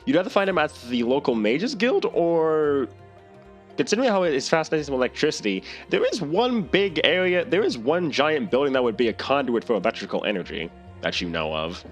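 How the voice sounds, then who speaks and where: A man's voice: on the high side, big pitch swings, a little fast, faint music behind. A man narrating a tabletop game as game master, rambling and searching for words with many restarts.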